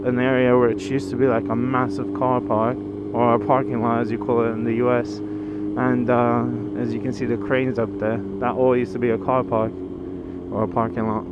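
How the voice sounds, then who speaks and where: A gravelly, medium-pitched Brazilian man in his twenties rambles casually, with fillers and restarts, as he rides a motorcycle through the city for his vlog. Audio from the mounted action camera sounds muffled beneath heavy road and engine noise.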